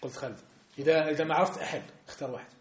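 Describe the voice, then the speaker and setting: Fast-talking male teacher in an echoey room. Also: on the high side. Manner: lively, quizzes students often. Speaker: teacher of a religious text class. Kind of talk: classroom lesson explaining verses. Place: classroom. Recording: echoey classroom.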